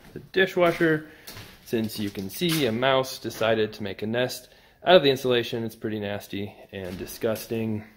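A man walking through a half-renovated house with a handheld phone, casually narrating what he sees. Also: mid-range voice. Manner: relaxed, offhand, thinking aloud with small restarts. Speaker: real estate investor giving a house tour. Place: empty house under renovation, indoors and out.

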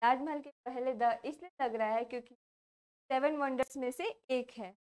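Indian lady teacher, high voice, explains grammar step by step, keeps asking then answering her own questions. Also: normal speed, darkish tone, clean tone. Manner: asks questions and answers them herself, repeats key points. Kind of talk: classroom lesson explaining grammar.

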